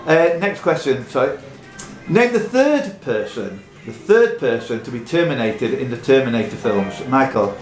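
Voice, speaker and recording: Hosting a live pub quiz indoors, a man reads out the questions with expression at a moderate pace, his voice medium in pitch, peppering them with teasing jokes and chat. The room echoes and faint music plays in the background.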